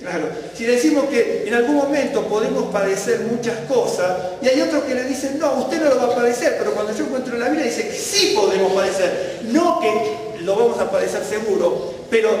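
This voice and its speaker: A man's voice: extremely high pitch, animated, fairly quick. Man teaching in an echoey hall. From Argentina. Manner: conversational, checks in with listeners often. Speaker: teacher at a congregation. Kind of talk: Bible teaching. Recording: echoey hall, mic far off, faint room noise.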